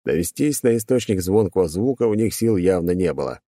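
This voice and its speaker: Low-voiced wry male narrator. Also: animated, a little fast, dark tone, no echo, clean studio sound. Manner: wry, sardonic storytelling. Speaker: audiobook narrator. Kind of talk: scripted first-person narration.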